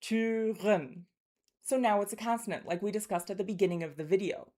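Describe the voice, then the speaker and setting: A woman's voice: mid-range voice, racing, mellow. A woman teaching pronunciation as a linguist, explaining carefully and articulately and demonstrating speech sounds, with a throaty r in German example words.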